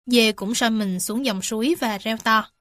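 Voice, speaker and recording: A woman reading animal stories and facts aloud to young children, gentle and addressing them warmly as little ones. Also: on the high side, steady tone, measured pace, no room sound. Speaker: storyteller for children. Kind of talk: children's storybook narration.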